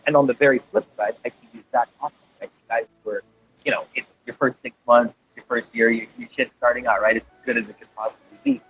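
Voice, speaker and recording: A man's voice: medium pitch, fairly even intonation, fast, fairly bright tone, faint music behind, low-quality recording. A man, a glass artist, guesting on a podcast, talking in a loose, profane way with many fillers and restarts. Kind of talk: casual chat.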